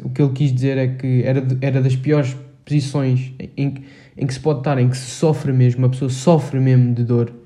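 Hosting his own podcast, a teenager speaks in a warm, mid-range male voice with a Portugal Portuguese accent. The monologue is casual, meandering, and halting, peppered with fillers and slang.

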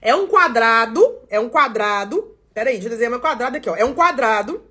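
A woman's voice: fairly high pitch, animated, a little fast, bright, forceful tone, breathy edge. A woman mentor hosting a live motivational talk, acting out listeners' complaints in quotes. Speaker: mentor and podcast host.

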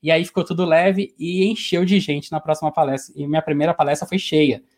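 A man with a Brazilian accent, a motivational speaker telling a story in an animated, conversational way during an interview. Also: fairly high pitch, a little fast. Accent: Brazilian Portuguese.

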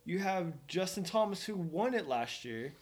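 A man from Oklahoma co-hosts a laid-back golf podcast, talking in a fairly high voice. He rambles, pokes fun at himself and keeps the chat loose and easy. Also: lively intonation, normal speed. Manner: joking, rambling, self-mocking. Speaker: podcast co-host. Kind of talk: casual sports chat.

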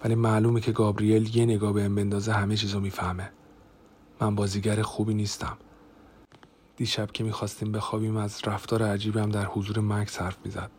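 A man narrating a first-person diary audiobook in a steady, even manner. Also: lowish voice, a little hiss or hum.

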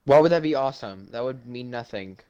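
A man's voice: medium pitch, lively intonation, fairly quick, mellow, smooth, dry recording, lo-fi sound. Guy on a podcast, teasing his buddy, stubborn and smug, regular everyday voice. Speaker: podcast co-host. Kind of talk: casual argumentative chat.

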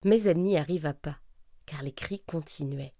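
A woman narrating a children's story, expressive and lively. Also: sits low, normal speed, no echo, clean studio sound. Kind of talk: storybook reading.

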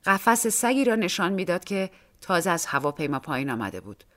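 A woman's voice: fairly low pitch, very animated, fairly bright tone. A woman narrating a short story for an audiobook, reading expressively and acting out the dialogue.

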